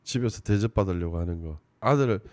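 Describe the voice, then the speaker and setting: A man giving casual commentary on a TV show, swinging between loud emphasis and low muttering. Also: a little fast, no echo.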